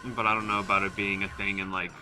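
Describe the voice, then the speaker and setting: A man's voice: lowish voice, little pitch movement, fast talker. A man talking in a casual, offhand way as he streams a video game. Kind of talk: casual chat while gaming. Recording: clear game music behind voice.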